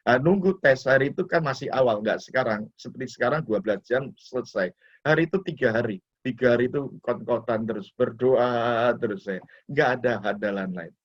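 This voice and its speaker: A man's voice: medium pitch, brisk. A middle-aged male pastor sharing a personal testimony in a church talk, telling his story and often addressing listeners as brothers and sisters. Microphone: video call. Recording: dull lo-fi video call audio.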